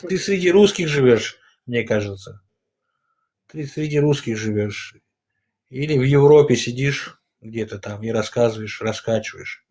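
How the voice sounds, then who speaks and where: A man's voice: mid-range voice, expressive, moderate pace, darkish tone. A man hosting an informal live debate, arguing insistently and repeating himself.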